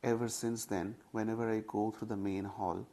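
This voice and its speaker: A man giving a literary memoir reading, measured and unhurried with careful phrasing. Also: fairly low pitch, flat delivery, mellow. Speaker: audiobook reader.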